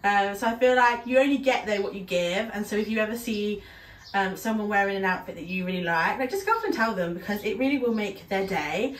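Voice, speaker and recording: Animated and fairly quick, a young UK fashion vlogger with a medium-pitched voice and a stuffy nose from a cold chats through a casual try-on haul. Lots of ums and little laughs come through, and since the camera sits across her small room at home, the sound is roomy and slightly distant.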